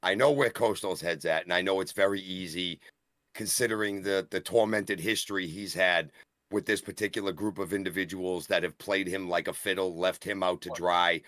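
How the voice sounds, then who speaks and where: A man's voice: deep voice, fairly even intonation, moderate pace, a bit bright, no echo, studio quality. Rambling man breaking down wrestling. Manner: long rambling analysis with many restarts. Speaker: wrestling show co-host and referee. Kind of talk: casual wrestling review chat.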